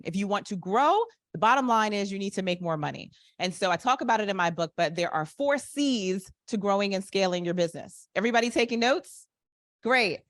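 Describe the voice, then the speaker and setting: A woman's voice: medium pitch, no room sound, clean studio sound. A woman presenting a live business workshop, upbeat and engaging, asking her audience questions. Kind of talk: interactive live workshop talk. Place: conference room with live and online audience.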